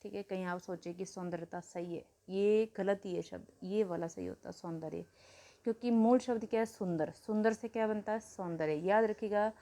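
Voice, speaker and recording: A woman teaching a grammar lesson to students, repeating key words slowly, asking questions and answering them herself, and telling the children to write things down. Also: medium pitch, dark tone. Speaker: Hindi teacher.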